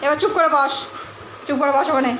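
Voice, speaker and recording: A very high-pitched woman films a home vlog, chatting to viewers and calling out her dog in rapid, repeated commands. The room is echoey, and steady background noise sits under her voice. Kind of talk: casual home vlog narration. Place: inside a home.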